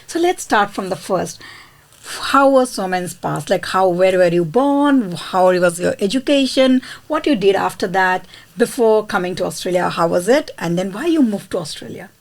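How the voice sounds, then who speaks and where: A woman's voice: medium pitch, expressive, moderate pace. A woman hosts a podcast interview in a mid-range voice. She is effusive and encouraging as she introduces and questions her guest. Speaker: podcast host.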